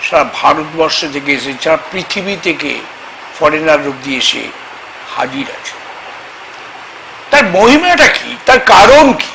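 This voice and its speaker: A man, a tantric astrologer, talking slowly and haltingly about faith at a temple, with sudden loud emphatic bursts. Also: a little high, vocal fry, noisy background. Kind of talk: spoken religious talk to camera. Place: temple grounds, outdoors.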